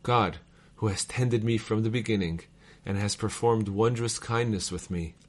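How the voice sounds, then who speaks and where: A man reading old letters aloud in a measured, formal cadence, as a reader of devotional texts. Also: fairly low pitch.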